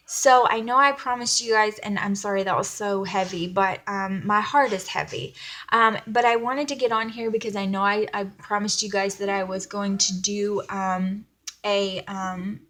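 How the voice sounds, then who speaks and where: Woman, Southern Alabama accent, medium pitch, casual vlog chat, rambling, self-effacing. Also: fairly bright tone, a little hiss or hum. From Alabama, United States. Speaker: vlogger. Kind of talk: casual planner video chat.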